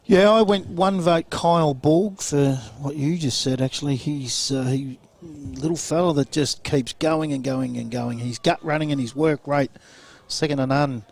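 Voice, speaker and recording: An Australian man giving post-match football commentary, brisk and chatty as he runs through results and numbers. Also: fairly high pitch, vocal fry, darkish tone.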